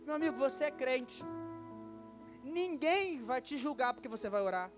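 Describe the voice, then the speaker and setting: High-voiced Brazilian pastor preaching. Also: male voice, moderate pace, music in the background. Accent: Brazilian Portuguese. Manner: lively preaching, acting out little dialogues in different voices. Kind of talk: sermon. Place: church service.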